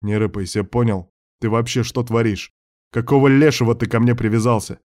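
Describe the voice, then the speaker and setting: A man's voice: mid-range voice, steady tone, brisk, darkish tone, no echo, clean studio sound, lightly acted. A man voicing a brash young male hero who talks bluntly, with slang and mocking jabs.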